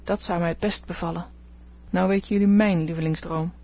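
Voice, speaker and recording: A woman reading an audiobook, voicing an outspoken, restless teenage girl who dreams of fame, with a slightly husky voice. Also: on the low side, steady tone, a little fast, darkish tone. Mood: eager. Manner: eager, outspoken.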